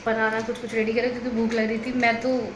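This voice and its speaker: A woman's voice: on the high side, level tone, fast talker. A young adult woman chatting and telling stories in a casual family vlog at home, laughing often. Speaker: vlogger. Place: home, indoors. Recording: echoey room with background noise.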